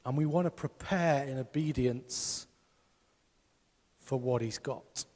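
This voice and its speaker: A man's voice: medium pitch, slow, darkish tone, long reverb tail. A man preaching a sermon as pastor, emphatic and putting rhetorical questions to his congregation. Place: church hall.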